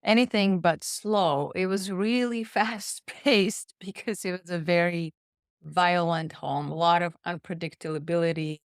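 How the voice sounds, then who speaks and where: Podcast guest, woman, lowish smooth voice, earnest and reflective. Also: fairly even intonation, a little slow, no echo, studio quality. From Slovakia. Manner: earnest, reflective, repeats words while thinking. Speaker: guest, nutritionist and pharmacist. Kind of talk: personal storytelling in conversation.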